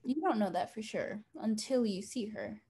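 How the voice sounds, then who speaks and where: A woman's voice: mid-range voice, moderate pace, mellow, breathy edge. A young woman playing a girl's own inner voice who talks in a dry, blunt, knowing way in a student play. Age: young adult.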